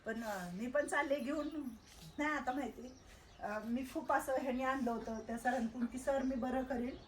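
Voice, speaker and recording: Woman, old-age-home caretaker; gentle, repetitive reassurance; slightly high voice; echoey indoor room. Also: moderate pace, a little hiss or hum. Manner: soothing, coaxing, repeats herself. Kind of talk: casual reassuring talk to residents.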